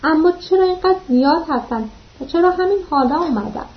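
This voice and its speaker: A woman reading the lines of an earnest woman researcher who angers quickly, in a serious, intense manner, in a dull lo-fi recording. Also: extremely high pitch, roomy sound, pitched above the performer's own voice.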